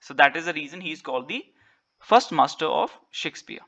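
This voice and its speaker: Indian male online tutor, high-pitched and fast, patient lecturing in mixed Hindi and English. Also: expressive, vocal fry, bright, forceful tone, dull audio. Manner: mixes Hindi and English, explains patiently with repeated "right?" and "ठीक है". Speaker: teacher. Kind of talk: online exam-prep lecture.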